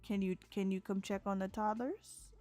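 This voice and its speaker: A woman's voice: medium pitch, steady tone, normal speed, mellow, soft background music. A young woman, chatting casually while she plays a life-simulation game and laughs often. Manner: chatty, laughs often, voices characters in asides. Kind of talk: casual let's-play commentary.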